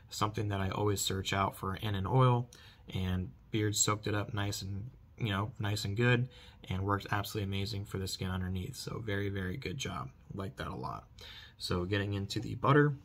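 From a small furnished bedroom, a thirty-something man who hosts a channel gives a casual product review to camera, recorded about an arm's length away. His voice sits on the low side, moving at a moderate pace as he repeats emphatic stock phrases.

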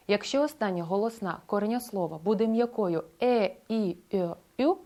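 Woman, scripted lesson narrator with a medium-pitched voice, clear explanatory delivery. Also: a little mellow. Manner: clear, explanatory, slows down to model example phrases. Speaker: language teacher.

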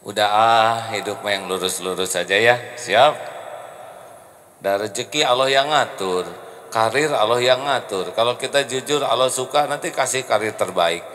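A middle-aged man with a Sundanese accent giving a joking, animated sermon on a handheld mic in an indoor hall. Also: moderate pace. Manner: animated, joking, big pitch jumps. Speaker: preacher. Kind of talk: humorous sermon. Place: indoor hall with carved wooden panels. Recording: long reverb of a hall.

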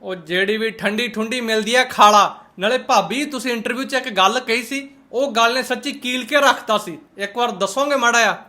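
A man's voice: extremely high pitch, brisk, hardly any pauses, sharp tone, faint music behind. A man with a Punjabi accent giving mocking, sarcastic reaction commentary in colloquial speech. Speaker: host of a roast reaction channel.

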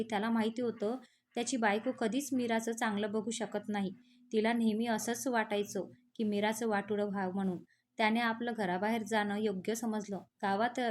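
Woman storyteller, fairly high voice, scripted narration. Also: fairly even intonation, normal speed, a little hiss or hum. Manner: narrating a village romance with rural dialect.

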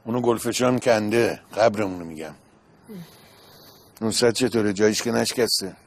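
A man playing a proud, hot-tempered family man who blusters through a dispute, in a sitcom. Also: lowish voice. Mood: scheming. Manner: blustering, then urging calm. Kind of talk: TV sitcom acting.

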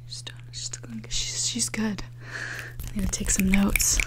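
A young adult woman doing whispered role-play ASMR close to the microphone, with fast, urgent, repetitive phrasing. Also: medium pitch, level tone. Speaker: ASMR performer. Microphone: close desktop condenser microphone.

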